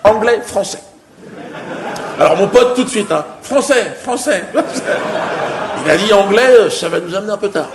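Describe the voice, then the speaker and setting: A man spins a rambling stand-up story in a conspiratorial, chummy way, laughing as he talks. His voice sits a little higher than most men's. The recording is noisy and live. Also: expressive, unhurried, pauses often. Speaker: stand-up comedian.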